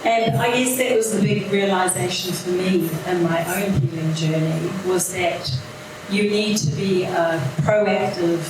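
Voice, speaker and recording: A middle-aged woman speaks earnestly as a health coach, stressing and repeating her key points. Her voice sits a little low. She is heard from a distance in a very echoey room, with noise behind her. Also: a little slow. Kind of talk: business pitch presentation. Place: event room. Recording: echoey room, mic far off, noisy.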